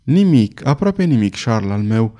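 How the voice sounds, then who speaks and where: A man's voice: medium pitch, sing-song, warm tone, lightly acted. A man voicing a devoted young woman who soothes her troubled lover, in an audiobook reading. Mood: soothing. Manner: soothing, tender.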